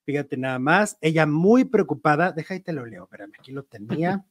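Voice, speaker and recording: A man with a Mexican accent hosting a casual celebrity gossip chat, lively and talkative. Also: fairly high pitch, a little fast, slightly rough, no room sound, studio quality. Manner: chatty, lively, reads viewer messages aloud. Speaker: show host.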